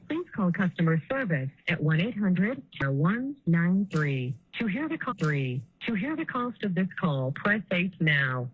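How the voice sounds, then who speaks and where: A woman's recorded automated announcement heard over a prison phone line, reading prompts in a measured, evenly spaced way. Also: on the low side, slight background noise. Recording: tinny phone-line playback.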